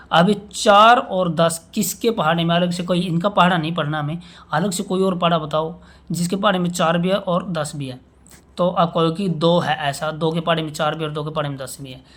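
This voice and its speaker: Man teaching maths step by step. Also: fairly high pitch. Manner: explains step by step, often asks "samajh mein aaya?"; checks in with "theek hai" and recites times tables aloud. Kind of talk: classroom maths lesson.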